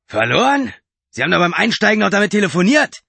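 A man voicing a loud, gruff and suspicious male taxi driver in an audiobook. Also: mid-range voice, very animated, a little fast, no echo, pitched above the performer's own voice.

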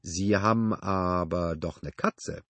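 A gruff old loner with a cracked, husky voice, as a male reader puts him on, barking short clipped phrases louder and higher than the narration. He sounds suspicious and quick to flare up, read dry and close like a storybook recording. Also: lively intonation, no echo. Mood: menacing. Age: older. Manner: blunt clipped speech, calling out loudly, suspicious. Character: gruff lonely older male neighbor, brooding and volatile.

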